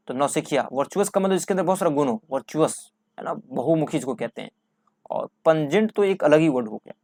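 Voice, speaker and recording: A man's voice: a little high, darkish tone, no echo, clean studio sound. A male English teacher explains exam vocabulary, asking questions and answering them himself, repeating key words. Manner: repetitive, asks and answers his own questions.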